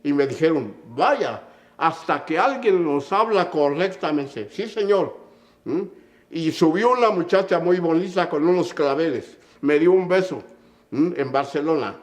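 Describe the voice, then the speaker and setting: Older man, Mexican accent, emphatic lecturing tone, lively swooping pitch, slightly raised voice. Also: unhurried. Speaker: conductor and musician. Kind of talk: anecdotal storytelling in an interview.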